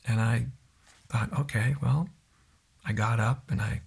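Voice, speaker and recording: Gravelly, husky man telling a story. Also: mid-range voice, steady tone. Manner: halting, searching, soft-spoken. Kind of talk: reflective personal storytelling.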